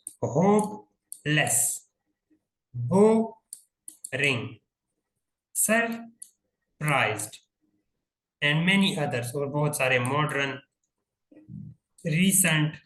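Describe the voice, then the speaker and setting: A man's voice: medium pitch, fairly bright tone, roomy sound, rough recording. A man teaching an English grammar lesson, spelling words out letter by letter and asking his listeners checking questions.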